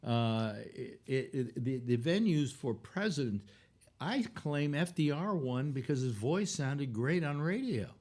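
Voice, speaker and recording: An older man in his eighties hosts a loose, rambling chat in a lively, wandering voice. He circles back and restarts his thoughts with a dry, wry humor. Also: mid-range voice, unhurried. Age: 80s. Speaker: host. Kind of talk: casual radio chat.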